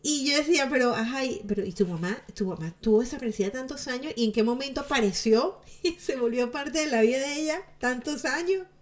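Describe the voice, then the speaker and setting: A woman's voice: sits high, fairly quick. A woman giving chatty, sarcastic commentary to her viewers, laughing often. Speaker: celebrity gossip vlogger.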